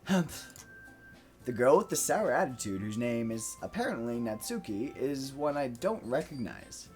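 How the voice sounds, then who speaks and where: A woman's voice: a bass voice, sing-song, normal speed, a little mellow, faint music behind. A woman streamer reading a visual novel aloud, with playful, wry asides.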